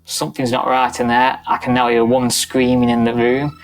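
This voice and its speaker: A middle-aged police officer talks through a night's events in a documentary interview. His delivery is steady and matter-of-fact, and his pitch barely moves. Soft music plays faintly behind him. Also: brisk, poor audio. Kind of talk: documentary interview recounting a shift.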